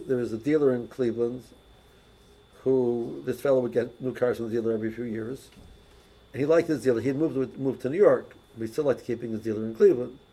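A religious teacher gives a casual lesson, telling anecdotes with many restarts and repeated words. His voice is mid-range, dark-toned and slightly rough, and the recording is rough.

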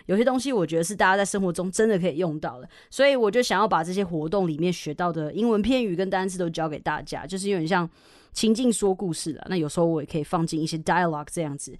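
A woman's voice: fairly low pitch, quick pace, a little mellow, dry recording, clean studio sound. A young woman from Taiwan, hosting a podcast in a frank, emphatic way and swearing freely. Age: young adult. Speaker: podcast host and English teacher. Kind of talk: casual podcast monologue.

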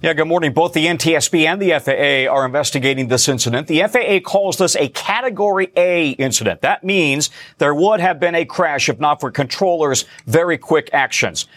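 A man's voice: fairly high pitch, brisk, hardly any pauses, a bit bright, no echo. A man reporting as a news correspondent, reading a scripted story on aviation.

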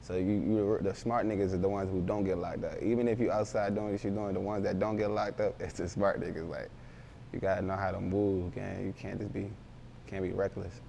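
A man's voice: sits low, little pitch movement, brisk, gravelly, dark tone, slight background noise. A young man, a rapper, talking casually in an interview with loose, rambling street slang. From Baltimore, raised in Philadelphia.

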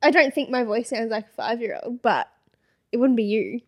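A young woman co-hosting a podcast casually reads hate comments aloud, giggling often and putting on mock voices. Her voice is on the high side at normal speed, and the audio has its highs cut off.

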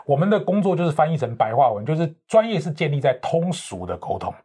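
A man's voice: fairly high pitch, sing-song, quick pace, mellow, husky. A man, a professional speaking coach explaining his methods with confident, lecturing examples in an interview. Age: 50s.

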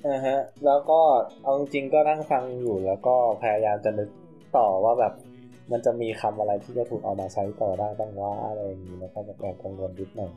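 A man's voice: on the low side, steady tone, brisk, phone-quality sound, soft background music. A man co-hosting a casual podcast, moderating a word game with polite phrasing and crude jokes. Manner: polite announcer phrasing mixed with crude joking. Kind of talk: casual chat.

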